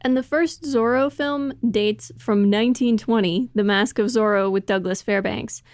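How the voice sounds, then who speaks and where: A woman co-hosts a casual podcast discussion with a smooth, resonant voice. She is recorded close and dry, with no room sound. She explains things carefully and often laughs while she talks. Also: on the high side, normal speed, a little mellow, no echo. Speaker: podcast co-host.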